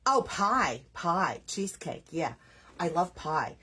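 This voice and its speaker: Woman, New York accent, husky voice, chatty host of a crafting stream. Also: lowish voice, very animated, takes it slowly, sharp tone. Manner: chatty, scattered, self-deprecating, reads viewer names aloud. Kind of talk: casual chat with live viewers while crafting.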